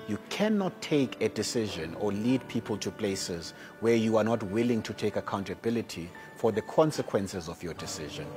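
A man in his forties, an archbishop, talking in a measured, earnest way and building his points with repeated phrases, on a lapel mic in a large hall. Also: medium pitch. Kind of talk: reflective interview monologue. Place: large indoor hall with tall windows. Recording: interview with music underneath.

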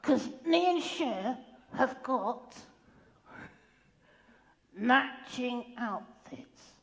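A woman's voice: on the high side, expressive, drawn-out words, exaggerated voice. A woman ventriloquist voicing a cheeky, flirty, dramatic bear puppet in a comic stage act, speaking with lips barely moving. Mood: boastful. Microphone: headset. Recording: noisy live stage recording.

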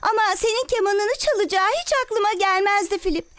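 A woman's voice: very high voice, brisk, no echo. A woman voicing a spirited, outspoken young bee girl in a dubbed children's cartoon. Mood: concerned. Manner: outspoken, animated. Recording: loud music under the voice.

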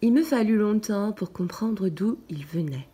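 Slow, husky woman reading a story softly. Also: medium pitch, animated. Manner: slow, gentle first-person narration. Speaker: storybook reader. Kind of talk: soft, partly whispered storybook reading.

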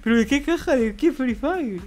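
His voice is extremely high-pitched yet darkish in tone, expressive and moderately paced, with faint music behind. The young Mexican-accented streamer chats casually during a game livestream, reading and answering viewers' comments out loud.

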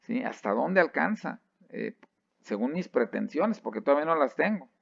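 A man lectures with a heavily gravelly, creaky voice at a middle pitch. He keeps checking in with his listeners and often restarts his phrases. The sound is dry and a little dull. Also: moderate pace, no echo. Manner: lively, asks the class "¿sí?" often, many restarts. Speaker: university lecturer. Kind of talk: classroom lecture.

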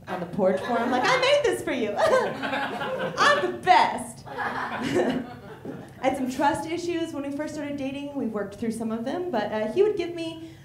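A young woman from the American Midwest performing a stand-up comedy set, acting out both sides of her arguments and jumping into shrill outbursts. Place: comedy theater stage before a live audience. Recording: echoey room, loud audience laughter.

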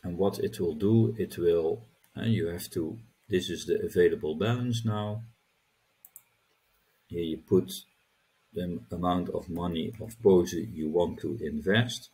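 A middle-aged man hosting a crypto channel, walking through a screen-recorded tutorial and often halting to repeat words as he clicks through the steps. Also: low-pitched, warm tone, husky.

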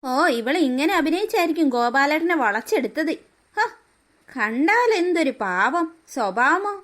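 A woman's voice: high-pitched, sing-song, normal speed, a bit bright. A woman voicing a smug, scheming aunt in a cartoon story, sneering and sarcastic. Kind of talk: cartoon voice acting.

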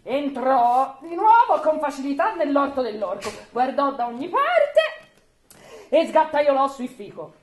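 A woman reading a folk tale aloud at a live evening event, expressive with laughing asides. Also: high-pitched, unhurried. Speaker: storyteller. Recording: echoey room.

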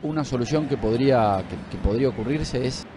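A man with a middling pitch adds measured football co-commentary. The broadcast around him is clearly noisy. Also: warm tone. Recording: noisy broadcast, different distant timbre.

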